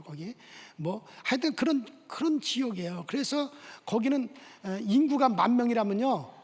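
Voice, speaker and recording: A man preaching a sermon as pastor, telling his story with lively asides and frequent questioning interjections. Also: high voice. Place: church sanctuary. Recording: reverberant church hall.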